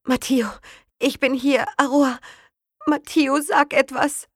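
A woman's voice: medium pitch, moderate pace, vocal fry, fairly bright tone, breathy edge, no room sound, studio quality, pitched above the performer's own voice. A woman voicing an injured young woman who speaks in a raised, urgent, pleading voice.

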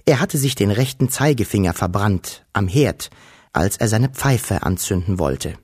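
A man reading a children's storybook aloud, gentle and expressive. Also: on the low side, unhurried, husky. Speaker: narrator.

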